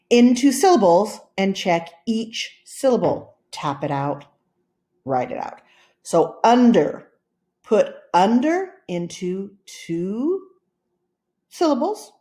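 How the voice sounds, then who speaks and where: Slow, patient woman teacher. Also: mid-range voice, darkish tone. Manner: patient, deliberate, reads words one at a time. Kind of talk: slow, step-by-step classroom instruction.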